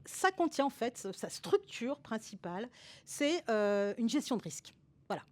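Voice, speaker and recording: A woman's voice: a little high, sing-song, measured pace. A woman consultant explaining a topic over slides in a webinar, hesitant and full of fillers, with restarts and tags at the ends of her sentences.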